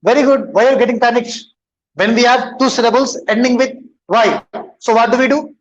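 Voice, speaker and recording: Guy teaching english, slow and deliberate, keeps quizzing himself, muffled lo-fi audio. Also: extremely high pitch, a little hiss or hum. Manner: keeps asking and answering his own questions; switches between English and Hindustani explanation. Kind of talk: bilingual classroom lesson.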